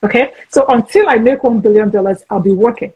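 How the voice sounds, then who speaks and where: A woman in her forties runs a casual video-call interview in a fairly high, mellow, slightly rough voice, speaking briskly. Frank and chatty, she often talks over herself with restarts, on a low-quality recording.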